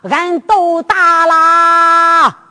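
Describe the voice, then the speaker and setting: A drum-ballad storyteller playing a crowd of boastful male yamen runners with a Henan accent, chattering in a rustic, quick-fire way. The voice is high and bright, ringing in a reverberant hall. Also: flat delivery, full character voice.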